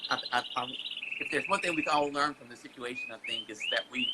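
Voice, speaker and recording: A man's voice: medium pitch, quick pace, very noisy. A man hosting an online interview show, asking questions in a chatty, curious way. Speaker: host.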